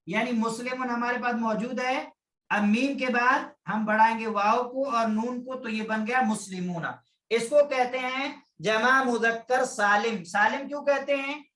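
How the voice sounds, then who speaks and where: A man's voice: very high voice, a bit bright. Man teaching grammar in an echoey room. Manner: asks the class questions and answers them himself; repeats terms, stretches example words slowly. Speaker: Arabic teacher. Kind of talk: online language lesson.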